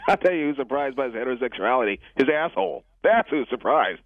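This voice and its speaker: A man phones into a radio show, his voice squeezed through a thin, narrow phone line. He talks with a lively, swooping pitch and a cheeky, provocative, mock-outraged manner, and the sound is close and dry. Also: quick pace, dry recording. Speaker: caller.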